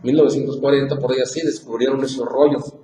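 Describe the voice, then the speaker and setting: A man's voice: medium pitch, flat delivery, fast talker, mellow. A man with a Mexican Spanish accent teaching an informal Bible class, repeating points and asking the group questions. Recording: echoey room with faint noise.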